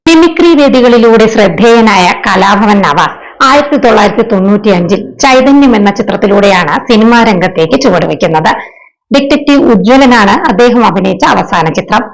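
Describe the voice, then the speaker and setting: A woman narrates a news report in a steady, measured cadence. Her voice sits a little higher than most. The delivery is scripted and even throughout. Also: low-quality recording. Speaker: news reader.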